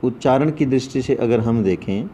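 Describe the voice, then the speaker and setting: A man teaching an online Sanskrit class, slowly listing sounds and posing questions to his students before answering them himself. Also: medium pitch, mellow, slight background noise. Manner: slow, repetitive, asks questions then answers them.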